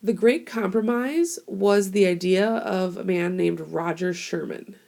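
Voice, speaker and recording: A young woman teacher, hoarse with a cold, records a casual history lesson into a tablet mic as a classroom screencast. Her medium-pitched voice is gravelly and a little mellow, moving a little slowly, and she chats along using fillers as she explains.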